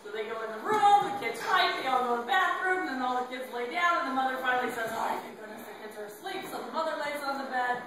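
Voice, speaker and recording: A woman principal telling a spooky campfire story to a class of children in an animated, dramatic way, recorded from afar in a classroom. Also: sits high, quick pace, hardly any pauses, heavy reverb, recorded from a distance, crowd noise, poor audio. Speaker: school principal. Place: school classroom.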